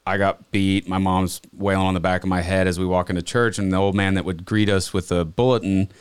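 A man from Montana, a podcast guest telling relaxed, rambling stories from his childhood in casual chat. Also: sits low, brisk, clean tone, dry recording. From Montana, USA.

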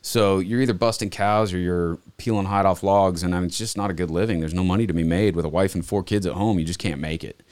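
A man from Montana, a podcast guest telling relaxed, rambling stories from his childhood in casual chat. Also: sits low, fast, hardly any pauses, clean tone, no room sound. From Montana, USA.

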